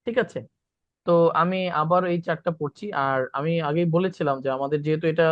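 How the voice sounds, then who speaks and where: A teacher leads an online beginner class, slowly repeating each practice syllable and often slipping English words into the explanation. The call audio sounds dry and muffled, with no room echo. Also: mid-range voice. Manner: repeats drilled syllables, code-mixes English. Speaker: Chinese language teacher. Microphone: video call.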